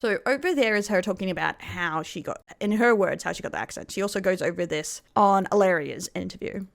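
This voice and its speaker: A woman's voice: mid-range voice, lively intonation, a little fast, creaky. A woman with an Australian accent narrating a commentary video in a rambling, self-correcting way.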